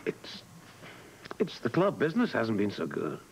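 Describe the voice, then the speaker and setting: A man's voice: fairly low pitch, huge pitch swings, normal speed, vocal fry, slight background noise, exaggerated voice, rough recording. A man acting in a daytime soap opera as a husband and club owner who sounds defensive, evasive and pleading.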